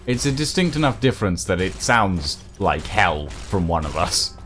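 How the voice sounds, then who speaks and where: A man's voice: low-pitched, very animated, moderate pace, music in the background. A man co-hosting a game stream in casual banter, with playful, theatrical asides. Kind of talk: casual gaming banter and commentary.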